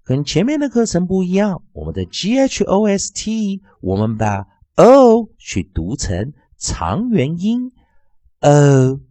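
Male phonics teacher, drawn-out repetitions, dry close sound, mellow tone. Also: no room sound. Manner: very lively, sing-song pitch. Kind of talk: classroom-style phonics lesson.

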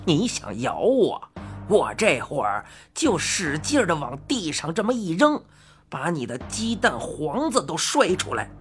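Gruff old man, as a woman voices him, grumpy storybook figure, slow grumbling drawl, swings up and down in pitch, faint music behind. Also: very animated. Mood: gruff, bargaining. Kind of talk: storybook reading.

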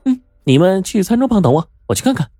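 A man squealing as an excitable young woman. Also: moderate pace, no room sound, studio quality. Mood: excited. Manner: exaggerated squealing, high falsetto.

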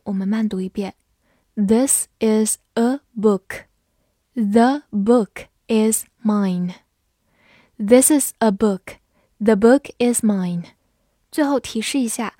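A woman teaching English vocabulary and grammar, reading example sentences slowly and carefully. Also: on the high side, warm tone, dry recording, studio quality. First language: Chinese. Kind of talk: scripted English lesson.

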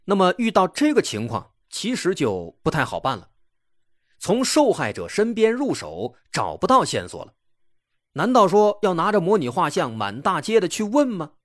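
A man's voice: sits high, huge pitch swings, moderate pace, no room sound, clean studio sound. A man narrates true crime stories in a conversational, explanatory way, posing rhetorical questions.

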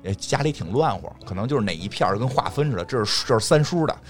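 A man's voice: mid-range voice, fast, soft background music. A man co-hosting a podcast in casual chat, joking and acting out quotes. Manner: animated, joking, acts out quotes. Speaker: podcast co-host.

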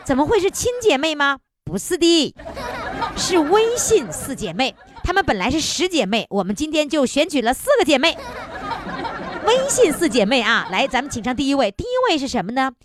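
A woman hosts the show with playful, teasing questions. Her high voice moves a lot in pitch. An audience and steady noise are heard behind her. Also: a little fast, a crowd in the background. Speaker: radio host. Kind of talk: radio show hosting.

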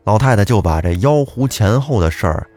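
A man's voice: on the low side, animated, brisk, a little mellow, soft background music. A man telling a folk tale in a chatty way, speaking directly to the listener. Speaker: storyteller.

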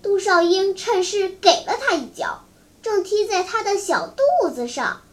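A high-pitched storyteller reads a long storybook aloud. The delivery is slow and careful, and each phrase is given room to land. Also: fairly bright tone. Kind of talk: storybook reading.

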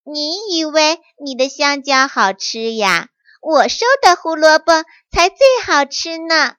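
A woman voicing a proud, pouting little rabbit who brags and asks questions in a high, bright voice. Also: lively intonation, slow pace, no echo, clean studio sound, full character voice. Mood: pouty. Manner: pouty, boastful, bright. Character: perky, bossy little female rabbit.

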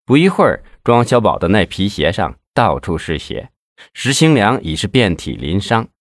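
A man narrating a crime novel in a lively storytelling manner. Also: lowish voice, normal speed, dry recording, clean studio sound. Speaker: audiobook narrator. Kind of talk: scripted narration.

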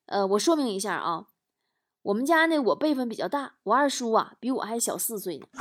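Female comedy host, high bright voice, swings pitch constantly, acts out characters. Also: a little hiss or hum. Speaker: talk show host. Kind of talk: comedic storytelling.

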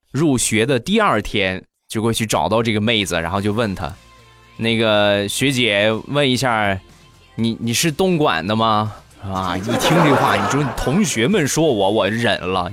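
A man hosting a comedy podcast, telling funny stories in an animated way and acting out each character. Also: medium pitch. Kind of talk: comic storytelling.

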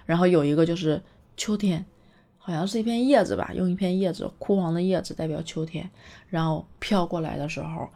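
A woman chattily retelling a cartoon story, animated and full of fillers. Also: fairly low pitch, brisk.

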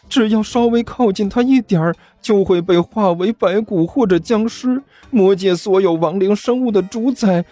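A jittery little demon lackey stammers and gushes in a high, bouncing voice, as a male storyteller puts him on. He races from stammer to flattery, his pitch swinging wildly. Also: no room sound. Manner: stammering, breathless and gushing. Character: excitable stammering male low-rank demon servant.

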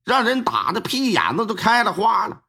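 Husky guy telling an old crime story, super lively pitch, chatty wry asides. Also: moderate pace. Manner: colloquial, animated, wry asides. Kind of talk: pingshu-style storytelling.

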